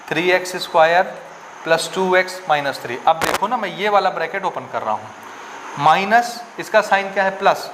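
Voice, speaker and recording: A man from India teaches a maths lesson in a fairly high voice. He walks through each step, repeats key rules and keeps asking his students questions. A faint background hum sits under the recording. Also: a bit bright. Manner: repetitive, questioning, checks understanding often. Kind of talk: classroom lesson explaining step by step.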